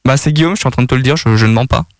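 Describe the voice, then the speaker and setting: A man's voice: medium pitch, very fast, no room sound, clean studio sound. A man doing casual radio prank-call banter, cheeky, unfazed and colloquial.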